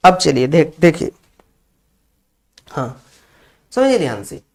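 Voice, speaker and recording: A man's voice: a little high, sing-song, takes it slowly, gravelly. A man from Bihar, teaching a Sanskrit class online and explaining the text word by word, repeating key points for his students. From Bihar, India.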